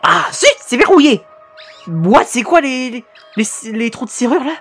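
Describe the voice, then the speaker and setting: A woman from France giving animated, laughing reaction commentary on fan animations, swearing casually. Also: on the high side, unhurried, slightly rough, faint music behind. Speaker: YouTube reactor.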